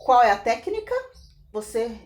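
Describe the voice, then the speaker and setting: Animated São woman storyteller. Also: normal speed. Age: middle-aged. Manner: animated retelling with sudden pitch jumps and laughing asides. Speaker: podcast host. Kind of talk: casual storytelling.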